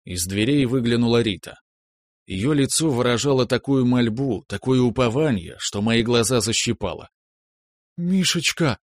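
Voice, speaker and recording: A man narrating a novel in the first person in a calm, measured way, recorded close to the mic. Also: mid-range voice, no echo. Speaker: audiobook narrator.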